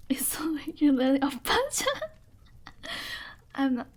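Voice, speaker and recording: A woman's voice: high-pitched, sing-song, normal speed. A woman streamer chatting casually with viewers on a live stream. She giggles often, reads requests aloud, answers them and apologizes with a self-mocking air.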